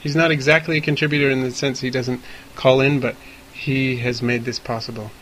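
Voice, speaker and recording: A man's voice: medium pitch, level tone, a little fast, fairly bright tone, slight background noise. A man hosting a podcast, explaining things casually but with precise, slightly formal wording. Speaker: podcast host.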